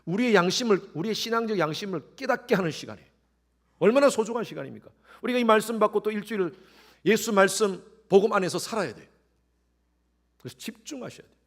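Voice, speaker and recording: A middle-aged male pastor preaching a sermon, swinging between quiet, intimate lines and sudden loud rises, and acting out the voices he quotes. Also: sits high, fast. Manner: acts out quoted voices with animated shifts.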